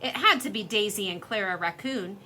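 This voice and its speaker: A woman reading a children's story aloud in an expressive, lively storytelling way. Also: mid-range voice, a little fast, slight background noise.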